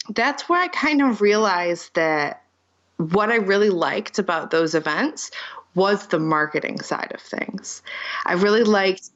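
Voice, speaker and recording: Woman podcast guest, relaxed storyteller, lowish voice, dull lo-fi audio. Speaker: podcast guest, marketing strategist. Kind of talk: casual interview conversation.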